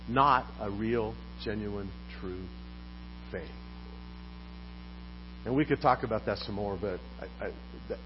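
Male pastor, sermon, animated questioning delivery, muffled lo-fi sound. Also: mid-range voice. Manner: lively, poses questions to the congregation. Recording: dull recording with faint mains hum.

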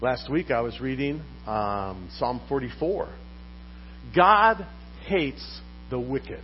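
A man preaching a sermon as pastor, putting questions to his congregation in a lively manner. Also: medium pitch, slow pace. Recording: dull recording with faint mains hum.

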